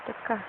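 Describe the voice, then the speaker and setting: A mother, cooing slowly in soft baby talk to her infant. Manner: cooing, sing-song, slow and soft. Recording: muffled phone-like home video with hiss.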